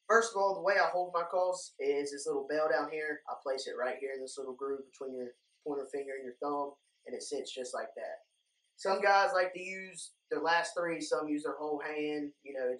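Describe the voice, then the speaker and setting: A man's voice: fairly high pitch, fairly bright tone. A young man giving a casual, plain-spoken how-to talk to viewers as an instructor. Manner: informal, plain-spoken, addressing viewers as guys. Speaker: duck calling instructor, video host. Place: indoor room lined with duck decoys. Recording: echoey room, distant microphone.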